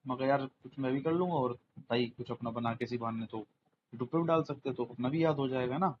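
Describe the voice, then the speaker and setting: A man's voice: medium pitch, a little fast, narrow, tinny audio, a little hiss or hum. Chatty male exam tutor quizzing viewers. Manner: chatty, repetitive, quizzes the viewer with rhetorical questions. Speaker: exam tutor, channel host. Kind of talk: informal vocabulary lesson with mnemonics.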